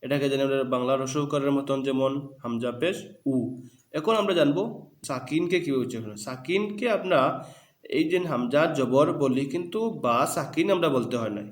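A man's voice: medium pitch, roomy sound. A man with a Bangladeshi Bengali accent teaching Arabic letter reading, patiently repeating syllables for learners to copy.

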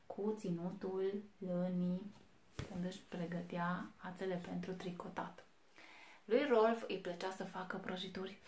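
Female storyteller for kids, expressive and chatty with the audience; echoey room, light hiss. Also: medium pitch. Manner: expressive, addresses young listeners directly. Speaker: children's story reader. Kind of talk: reading a picture book aloud to children. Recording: echoey room, faint noise.

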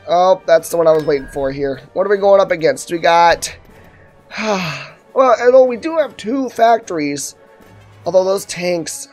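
A man's voice: high-pitched, darkish tone. A young man doing casual let's-play commentary, thinking aloud and muttering asides to himself. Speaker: gaming video host.

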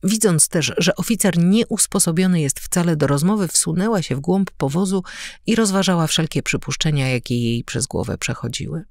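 A woman narrating an audiobook with an expressive, varied reading. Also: fairly low pitch, normal speed, no room sound, studio quality.

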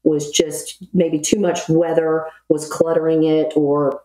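Her voice low, dark, and level, a middle-aged woman speaks slowly as she describes procedures on a podcast. A retired Navy air traffic control officer, she keeps a matter-of-fact, officer-like delivery. The recording is roomy and full of echo.

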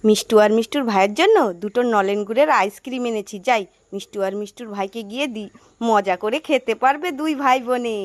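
A woman, playing a mother in a scripted comedy skit, animated and scolding, narrating to herself outdoors. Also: on the high side, fast talker, no echo. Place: outdoors in a yard.

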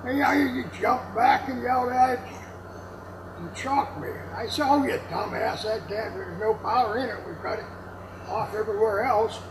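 A man in his seventies with a very high-pitched voice rambles through casual anecdotes at a moderate pace, folksy and salty, laughing as he tells them. He's indoors in a block-walled warehouse, and the room ambience is clearly noisy.

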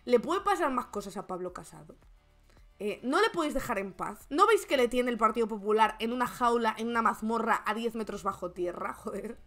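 Spain spanish woman streamer, high bright voice, sarcastic jokey news chat, faint music behind. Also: animated, brisk. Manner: sarcastic and mocking. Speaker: streamer host. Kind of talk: comic news commentary.

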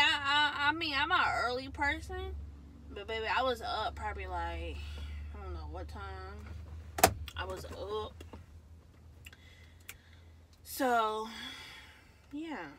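Young woman vlogger, unhurried and slightly high-voiced, rambling to camera from a phone in a parked car with faint hum behind. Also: sing-song, pushed and bright, poor audio. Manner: chatty, trails off with "so, yeah", drops to a mumble. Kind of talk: casual vlog chat. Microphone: phone camera held close.

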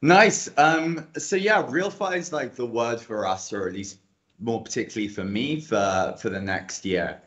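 A man's voice: medium pitch, measured pace, a bit bright. A man in his thirties, a guest on a video call, explaining plans in an upbeat way with frequent ums. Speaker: guest, operations director. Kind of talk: answering questions on a video call. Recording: dull lo-fi video call audio.

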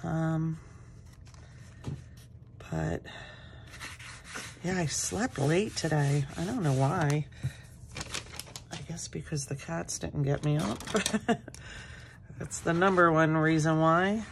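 A woman's voice: deep voice, slow pace, gravelly, pauses often, background noise. A middle-aged woman in her home craft room, chatting casually and rambling as she works on a journal page, with a morning voice. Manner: chatty, rambling, talks while working. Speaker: craft channel host.

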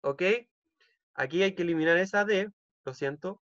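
A man's voice: high voice, normal speed, fairly bright tone, dry recording, lo-fi sound. A male English teacher with a Chilean accent, giving an online class and repeating each rule in Spanish with frequent "ok?" checks. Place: home. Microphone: computer mic on a video call.

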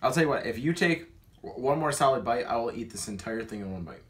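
A man's voice: mid-range voice, animated, fast. A man co-hosting a casual taste-test vlog, teasing and coaxing his partner. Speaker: vlog co-host.

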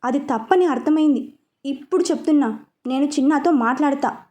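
A woman reading a storybook voicing a hot-tempered, bossy young man who talks roughly and gives orders. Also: sits high, brisk, mellow, lightly acted. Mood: angry. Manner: rough, commanding, scolding.

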